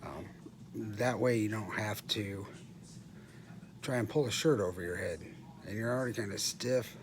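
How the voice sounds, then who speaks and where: A middle-aged man talks casually and haltingly about himself in a subdued way, often clearing his throat, as a patient giving an update from a hospital room. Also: lowish voice. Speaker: patient recording a post-surgery update. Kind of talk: casual vlog monologue. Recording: clearly noisy room ambience.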